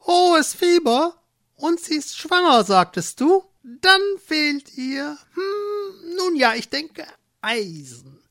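A storyteller voicing a coy, calculating old female herb witch in a high, drawn-out, sing-song voice for a children's storybook. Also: sing-song, fairly bright tone, exaggerated voice.

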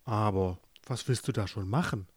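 A man voicing a calm, easygoing queen who speaks in a relaxed, soothing way. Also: fairly low pitch, normal speed, slightly rough, no room sound, studio quality, voice pushed down.

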